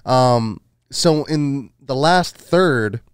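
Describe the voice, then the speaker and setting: A man's voice: mid-range voice, expressive, drawn-out words, smooth, no echo. A man in his thirties giving a casual film review as a podcast host, informal and full of "you know" and "man", close on a studio microphone. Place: small home room studio. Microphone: close boom-arm podcast microphone.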